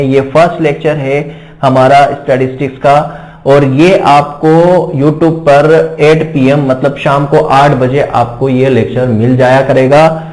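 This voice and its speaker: A man teaching an exam-prep statistics lecture, who explains slowly, repeats key words and answers his own questions. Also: fairly high pitch, darkish tone, reverberant, low-quality recording.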